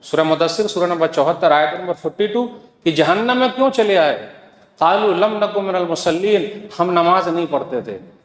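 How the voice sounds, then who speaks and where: A man's voice: fairly high pitch, lively intonation, fairly quick. A man preaching a Friday sermon, exhorting the listeners with rhetorical questions and quoted scripture. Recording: echoey hall with long reverb.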